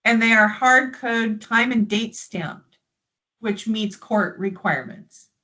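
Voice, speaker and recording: A woman from the United States leading a live software training, explaining features in a friendly, chatty way. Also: on the high side, slow, poor audio.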